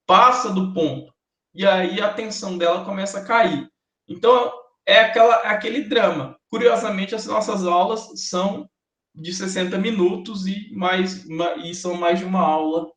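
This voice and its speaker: A man's voice: sits high, moderate pace, a bit bright. Man, Brazilian accent, university lecturer, chatty joking asides, reverberant classroom. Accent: Brazilian Portuguese. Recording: echoey classroom recording.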